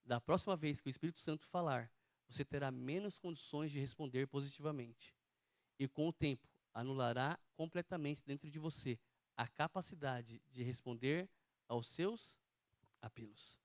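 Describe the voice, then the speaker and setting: A man's voice: mid-range voice, moderate pace, dry recording, studio quality. A man preaching a sermon to a congregation, emphatic and often asking them questions.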